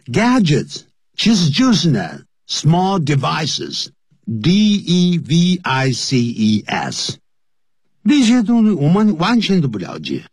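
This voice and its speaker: A man's voice: a little high, huge pitch swings, takes it slowly, darkish tone, slightly rough, dry recording, studio quality. A man teaching English on the radio, explaining phrases in Chinese and spelling words out letter by letter.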